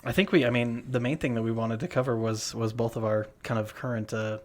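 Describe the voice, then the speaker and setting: A man's voice: medium pitch, fairly even intonation, a little fast. A man co-hosting a podcast, telling a story in casual chat, full of fillers and restarts. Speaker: podcast co-host. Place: worked at a gym front desk.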